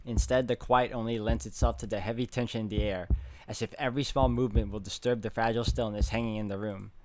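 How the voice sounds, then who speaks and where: A man's voice: on the low side, steady tone, fast, slight background noise. A man hosting a gaming video, reading story text aloud dramatically and reacting as he plays. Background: game music.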